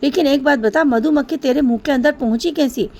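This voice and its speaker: A woman's voice: sits high, brisk, vocal fry, mellow. A woman voicing a mother who scolds and worries over her two quarrelling children in a spoken story. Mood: soothing.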